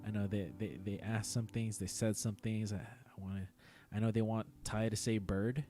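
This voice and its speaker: A young man from San Diego hosting a relaxed live chat, often repeating words as he goes. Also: on the low side, moderate pace, soft background music. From San Diego, United States. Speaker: host. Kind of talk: casual chat on a live stream.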